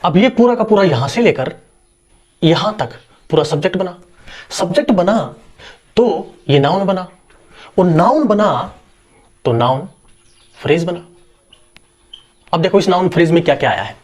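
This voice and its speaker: Male teacher, young adult, fairly high voice, grammar lesson, rhetorical questions, reassuring fillers. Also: lively intonation, unhurried, pauses often, a little mellow. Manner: explains step by step with constant rhetorical questions; reassuring fillers and repeated checks. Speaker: English teacher.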